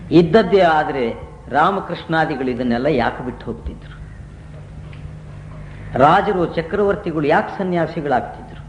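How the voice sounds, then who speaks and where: A man preaches to a gathering, his voice sitting a touch higher than most men's. He teaches through stories and rhetorical questions. The old recording is roomy, with a faint hiss underneath. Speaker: spiritual teacher. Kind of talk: devotional discourse to a gathering.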